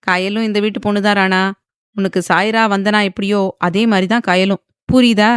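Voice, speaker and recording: A woman's voice: mid-range voice, steady tone, moderate pace, clean tone, no echo, studio quality, natural voice. A woman voicing a firm middle-aged aunt in an audio novel, speaking with emphasis.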